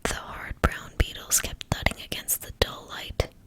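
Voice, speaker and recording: Female reader for whispered ASMR literary narration; hushed, breathy, unvoiced delivery, bright and sibilant. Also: measured pace. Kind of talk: whispered ASMR audiobook reading.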